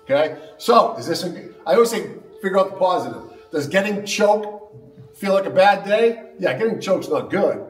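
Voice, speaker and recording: A man's voice: high-pitched, animated, moderate pace, distant mic, faint music behind. A man teaching a martial arts seminar, upbeat and jokey, checking in with the class with "all right?" after nearly every point. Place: large training hall. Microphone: camera mic from a distance. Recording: echoey hall recorded from afar.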